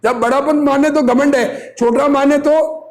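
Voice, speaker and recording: Unhurried and fairly even in intonation, this man's very high voice carries an informal sermon. As a religious teacher, he reads passages from a text, explains them didactically, repeats phrases, and asks rhetorical questions.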